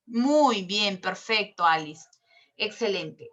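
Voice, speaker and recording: A woman's voice: medium pitch, lively intonation, a bit bright, muffled recording. A woman teacher explaining a lesson in an online class, patient and step by step, checking with questions as she goes. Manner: slow and drawn out. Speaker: language teacher.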